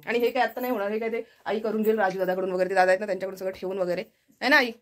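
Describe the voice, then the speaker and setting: Fast-talking chatty woman vlogger. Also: mid-range voice, steady tone, a bit bright. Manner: chatty, walks about showing the house. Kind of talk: casual vlog chat. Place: village home, indoors and out.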